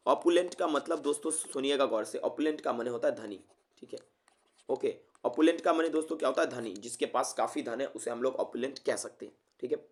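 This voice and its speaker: A male teacher who runs an exam-prep vocabulary lesson at a mid pitch. He keeps asking his listeners what a word means and answers it himself, padding his lines with "theek hai, okay". He wraps each word in a small memory-trick story. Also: brisk, darkish tone. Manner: repeats questions to the class and answers them, fills with "theek hai, okay"; tells memory-trick stories.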